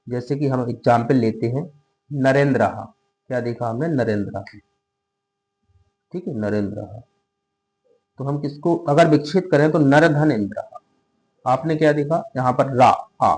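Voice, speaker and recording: A man's voice: medium pitch, darkish tone, low-quality recording. A man teaching a class, patient and repetitive, often asking the students questions. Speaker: tutor. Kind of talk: classroom lesson explaining grammar rules.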